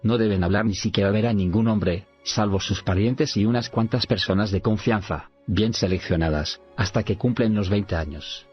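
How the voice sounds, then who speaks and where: A grave, honorable warrior nobleman speaks in a low, measured voice, as a man reading the audiobook puts him on. His lines come across in a steady, serious audiobook reading. The recording sounds slightly dull, with faint music playing underneath. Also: close to an everyday voice. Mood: solemn.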